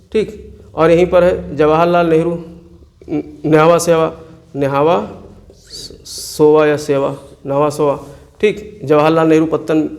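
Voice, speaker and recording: A man with a slightly high, slightly mellow voice tutors students on exam map work. He repeatedly poses questions and answers them himself, going over every place name again so it sticks.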